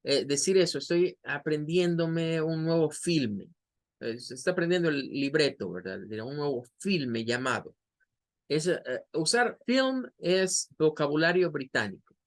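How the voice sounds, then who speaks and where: A man with a Latin American Spanish accent, teaching an English class and slowly repeating words to model their pronunciation. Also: on the high side, animated. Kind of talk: online class explanation.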